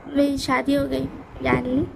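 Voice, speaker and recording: A woman's voice: high-pitched, monotone, unhurried, gravelly, a little hiss or hum, exaggerated voice. A woman voicing a playful grown man who teases the younger ones. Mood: teasing.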